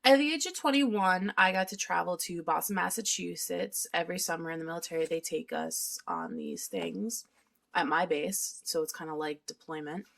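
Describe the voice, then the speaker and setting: A woman's voice: fairly low pitch, animated, moderate pace, vocal fry, fairly bright tone. A thirty-year-old woman vlogging in a chatty, candid way, swearing freely and eating while she talks at home. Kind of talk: casual confessional vlog.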